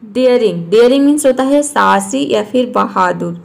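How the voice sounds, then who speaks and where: A woman teacher explaining words and repeating each one slowly. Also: a little high, expressive, gravelly, darkish tone. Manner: slow, repeats each word to show how it is said. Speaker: English teacher. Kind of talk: explaining lesson.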